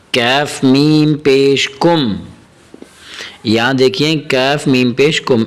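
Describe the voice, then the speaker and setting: A man teaching a tajweed lesson, spelling out letters and vowel marks, then chanting the syllables slowly and melodically between quick plain explanations. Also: mid-range voice, fairly bright tone. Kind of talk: step-by-step recitation lesson.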